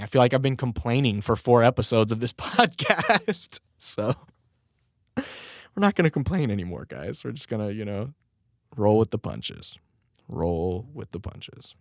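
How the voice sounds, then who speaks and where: A young rapper hosts a solo podcast in a medium-pitched voice, rambling casually, swearing, and laughing at himself. His voice is recovering but still a little strained, and the studio sound is clean with no room noise.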